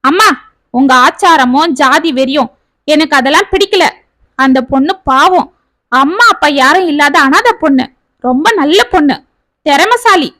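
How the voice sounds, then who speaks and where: Woman doing an agitated young man, pleading, high bright voice. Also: lively intonation, moderate pace, dry recording, studio quality. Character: earnest young man defending his beloved.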